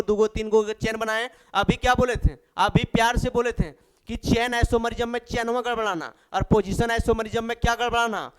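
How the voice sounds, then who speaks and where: A man's voice: sits high, smooth. A male chemistry teacher with a Bihari accent gives a playful lesson. He jokes, repeats key phrases and fondly addresses his students.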